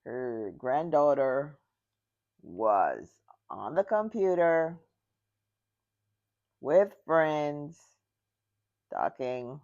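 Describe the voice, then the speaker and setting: A woman's voice: low-pitched, lively intonation, very slow, pauses often, a little mellow, lo-fi sound. A woman vlogger telling a casual story, drawing out her words and repeating key phrases.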